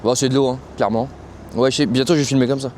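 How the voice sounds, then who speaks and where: Very fast and steady in tone, his mid-range voice comes across a little mellow, with slight noise behind it. He is a young trucker from France filming a casual, slang-filled vlog for his viewers at a cold, windy truck stop outdoors.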